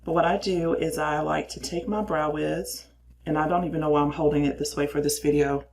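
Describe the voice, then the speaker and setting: A woman's voice: low-pitched, steady tone, a little fast, darkish tone. An older woman chatting casually through her makeup routine in a cramped little space, explaining as she goes and poking fun at herself. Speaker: makeup reviewer.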